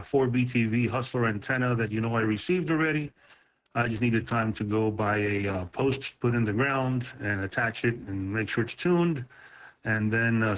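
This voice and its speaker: A man checking in to an amateur radio net over a ham radio transmission. He gives his call sign in phonetic radio procedure, then chats casually. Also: medium pitch. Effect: heard over a ham radio transmission. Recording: dull lo-fi radio audio.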